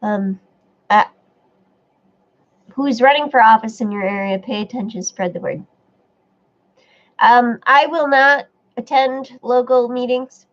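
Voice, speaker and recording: Reading viewer comments aloud and chatting back, a woman hosts a casual live stream with a stuffy nose. Her voice sits a little high, and she takes things slowly with long pauses. The stream audio is dull and lo-fi.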